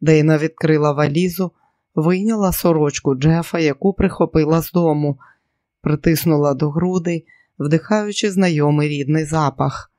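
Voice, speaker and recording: A man reading an audiobook novel as narrator, in a steady, measured way. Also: a little high, no echo, clean studio sound. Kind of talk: scripted narration.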